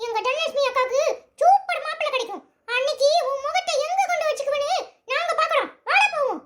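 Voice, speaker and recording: A woman's voice: extremely high pitch, fast, noisy background. A woman voicing a taunting village girl in a cartoon, who scolds with a Tirunelveli Tamil accent. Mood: scolding.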